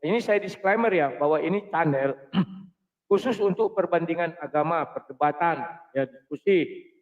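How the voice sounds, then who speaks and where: Guy with a high voice chatting to his "friends", keeps clearing his throat, sounds like a phone line. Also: moderate pace. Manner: frequent throat clearing, addresses listeners as friends. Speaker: channel host. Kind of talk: casual spoken monologue.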